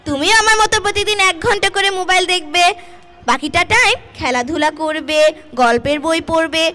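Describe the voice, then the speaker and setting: Woman as an earnest, high-voiced child puppet. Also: expressive, fairly quick, sharp tone, heavily acted. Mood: advising. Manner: earnest, explaining. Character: well-behaved, sensible child puppet who gives advice. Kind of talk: children's puppet show dialogue. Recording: very noisy puppet show recording.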